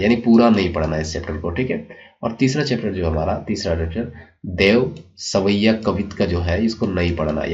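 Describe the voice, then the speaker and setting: A male teacher walking students through a school syllabus, repeating checks like "okay" as he explains. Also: lowish voice. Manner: repeats "ठीक है" and addresses children warmly, explanatory. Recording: dull lo-fi sound.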